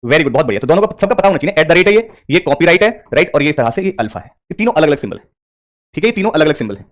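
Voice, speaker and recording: A man's voice: fairly high pitch, very animated, rapid-fire. A man teaching reasoning for bank exams in a live online class, speaking mixed with English terms and talking straight to his students.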